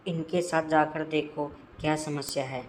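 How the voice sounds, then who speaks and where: Woman playing a calm cartoon king, deep for a female voice, formal, reassuring, faint noise. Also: unhurried. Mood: calm authority. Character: calm, reassuring male king granting help. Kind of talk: cartoon story acting.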